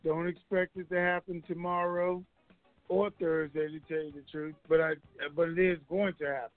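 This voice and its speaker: Man on a conference phone line, high voice, rambling and offhand, tinny dry sound. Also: level tone, moderate pace, no room sound, faint music behind. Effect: heard over a conference phone line. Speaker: regular guest on a call-in show. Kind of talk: casual phone call talk.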